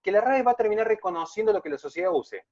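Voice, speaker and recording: A man's voice: high-pitched, animated, quick pace, darkish tone, no echo, lo-fi sound. A man giving an emphatic, polemical online lecture and answering questions.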